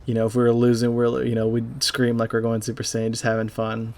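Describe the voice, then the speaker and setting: A young man giving a halting, casual voice-over over gameplay, full of fillers and swearing, as a clan leader recalling a friend. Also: medium pitch, monotone, creaky, darkish tone. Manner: halting, rambling, heavy with fillers; casual and profane. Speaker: gaming YouTuber and clan leader.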